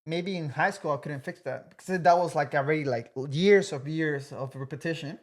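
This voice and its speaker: A man's voice: fairly high pitch, moderate pace. An earnest young man in his twenties chatting as a podcast guest. He talks freely, circling back on himself and padding his sentences with casual fillers. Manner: earnest, talkative, many "like" fillers.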